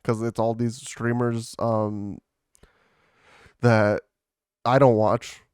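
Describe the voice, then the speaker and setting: Slow and flat, a man with a smooth, darkish mid-range voice co-hosts a podcast in clean studio sound without echo. He rambles casually, packing in fillers and swearing.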